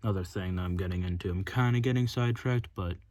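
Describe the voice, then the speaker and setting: A man with a fairly low voice talks off the cuff, recorded inside a cramped closet. His speech wanders, and it is full of fillers and false starts. There is a faint hiss of noise behind him. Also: quick pace, darkish tone. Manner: rambling, full of fillers and restarts, loses his train of thought. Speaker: vlogger. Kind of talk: casual rambling monologue. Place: small closet indoors.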